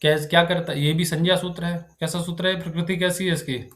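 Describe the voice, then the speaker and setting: A man's voice: a little high, steady tone, fairly quick, fairly bright tone. A man teaching Sanskrit grammar to a live class, who quizzes his students and keeps checking whether they have understood.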